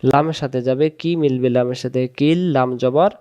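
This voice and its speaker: Male Quran tutor, slow syllable-by-syllable recitation lesson, crisp resonant voice, muffled lo-fi class recording. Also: mid-range voice, fairly even intonation, mellow. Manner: sounds out Arabic syllables one at a time, then joins them. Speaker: Quran teacher.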